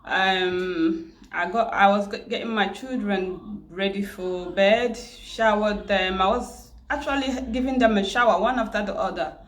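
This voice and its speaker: A grieving woman with a Nigerian accent, from Nigeria, telling a personal story at home in a halting, tearful way, repeating words and restarting often. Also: medium pitch. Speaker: vlogger. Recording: roomy echo.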